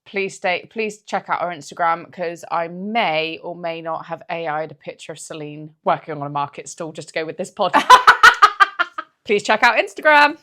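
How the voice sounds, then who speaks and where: Woman, podcast co-host, very bright, sharp tone, teasing. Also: on the low side, very animated, unhurried. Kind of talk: casual podcast chat.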